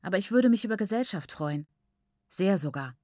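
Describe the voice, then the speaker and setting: A woman's voice: medium pitch, animated, brisk, mellow, dry recording, clean studio sound, close to an everyday voice. A woman reading aloud voices a headstrong, defiant teenage girl who talks in agitated, rising bursts. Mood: tense.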